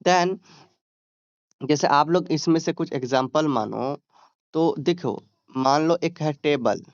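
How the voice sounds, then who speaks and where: A man with a Hindi accent teaching an exam-prep lesson, explaining step by step, drawing out English words slowly and checking in with students. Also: on the high side, dry recording, dull audio. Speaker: exam tutor.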